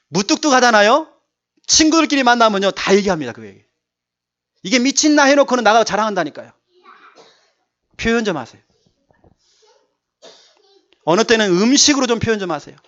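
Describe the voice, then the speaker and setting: A man's voice: sits high, fairly bright tone. A male pastor preaching a sermon, emphatic and repeating his key words to urge the congregation on. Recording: dull lo-fi church recording.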